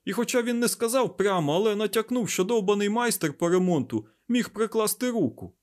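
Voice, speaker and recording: A man voicing an agitated male scientist in an audiobook, loud and urgent. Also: sits high, expressive, normal speed, voice pushed up. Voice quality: loud, raised, breathless urgency. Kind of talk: audiobook character voice.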